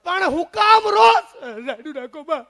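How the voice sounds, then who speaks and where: A man's voice: fairly even intonation, moderate pace, a little hiss or hum. A man voicing a weepy, melodramatic middle-aged village aunt in a stage comedy bit, wailing and sobbing. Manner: shrill sobbing wails.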